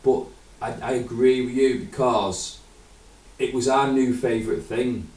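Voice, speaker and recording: A man's voice: mid-range voice, fairly even intonation, measured pace, darkish tone. A man co-hosting a podcast, chatty and casual with some swearing. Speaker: podcast co-host. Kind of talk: casual chat. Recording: roomy, distant mic.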